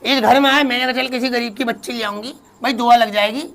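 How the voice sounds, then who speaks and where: A man's voice: extremely high pitch, fairly even intonation, fast, gravelly, a bit bright, full character voice. A man playing a wealthy, fierce old mother-in-law in a comedy sketch, scolding and pleading melodramatically. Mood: furious.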